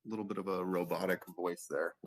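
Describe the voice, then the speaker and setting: Man host on a live call, fairly low voice, laid-back and upbeat, lots of fillers. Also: fairly even intonation, fairly quick. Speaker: community host. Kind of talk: casual live audio chat. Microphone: computer or phone on a live audio call.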